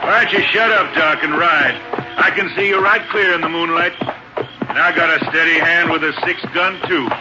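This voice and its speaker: An actor playing a gruff outlaw posing as a cowhand, with a low, drawling, threatening manner, heard through an old AM radio broadcast. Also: male voice, steady tone, normal speed, over loud music. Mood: menacing. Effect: old AM radio broadcast sound. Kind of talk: 1940s radio acting. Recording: muffled, hissy old radio recording.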